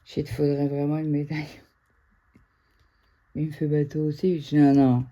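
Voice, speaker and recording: A middle-aged woman from France chatting casually to viewers at home, excitable and quick to raise her voice. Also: deep voice, muffled recording. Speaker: craft vlogger. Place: indoors at home.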